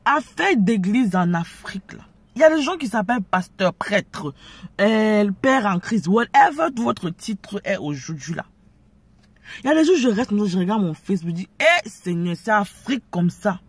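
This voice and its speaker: Husky speaker with Ivorian French accent. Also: mid-range voice, big pitch swings, moderate pace, dry recording. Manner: preachy, confrontational, addresses viewers directly. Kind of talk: direct-to-camera commentary.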